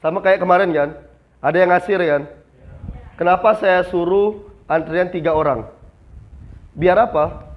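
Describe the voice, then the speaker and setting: A man's voice: high voice, measured pace, long pauses. A young man training new retail staff in a classroom, asking the class questions and answering them himself. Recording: slightly dull lo-fi sound.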